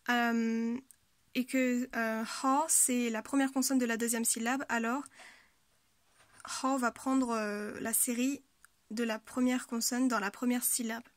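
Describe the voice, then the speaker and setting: A woman's voice: a little high, no echo. A woman teaching a language lesson, patiently explaining pronunciation rules and repeating example words, with frequent hesitations.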